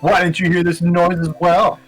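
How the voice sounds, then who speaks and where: A man's voice: sits high, completely flat delivery, normal speed, husky, pitched above the performer's own voice, poor audio. A man voicing a stern video game lawyer who presses a witness in a pointed, dramatic manner. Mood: stern, pressing. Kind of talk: amateur video game dub. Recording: music behind the voice.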